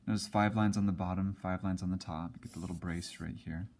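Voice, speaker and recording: Male music teacher, low voice, relaxed and halting, talks while drawing on a board. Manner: casual, hesitant with many ums and restarts. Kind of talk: whiteboard music lesson.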